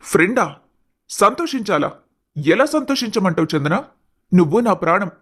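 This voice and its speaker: A man's voice: high-pitched, sing-song, normal speed, a bit bright, breathy edge, full character voice. An earnest lovestruck young man. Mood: earnest, pleading. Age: young adult. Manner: earnest, pleading.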